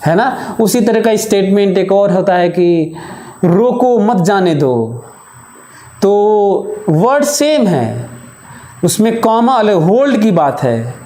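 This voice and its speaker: A male physics teacher giving a classroom lecture, speaking slowly and deliberately with held pauses. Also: sits high, animated, mellow. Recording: echoey room.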